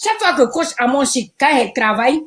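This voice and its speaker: A woman's voice: high-pitched, expressive, fast. A breathless woman calling into a live stream, pleading and ranting in a fired-up, repetitive way. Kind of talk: impassioned live-stream rant.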